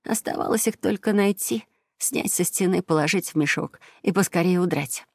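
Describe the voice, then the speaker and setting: A woman reads a children's adventure story with lively storytelling. Her voice sits lower than most women's and is recorded close and dry. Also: normal speed, husky, dry recording. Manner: lively storytelling, voicing each character. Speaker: narrator. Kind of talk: children's audiobook narration.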